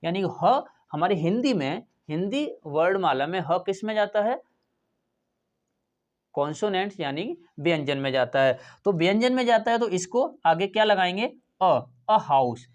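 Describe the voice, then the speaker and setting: A man's voice: high-pitched, expressive. A man, explaining a grammar lesson as a teacher, repeating words and answering his own questions. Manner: repeats words slowly, asks and answers himself. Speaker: English teacher. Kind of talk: classroom explanation.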